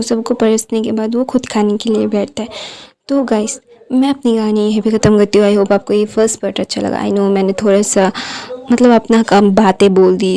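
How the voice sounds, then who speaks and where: A woman's voice: mid-range voice, mellow. A woman casually retelling a fan story, rambling with many fillers and English words mixed in. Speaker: storyteller, channel host.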